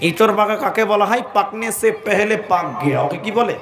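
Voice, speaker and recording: A man's voice: sits high, a little fast. A male preacher telling a comic story in a sermon, asking the listeners questions as he goes. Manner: animated, asks the crowd questions, comic. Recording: roomy echoing sound.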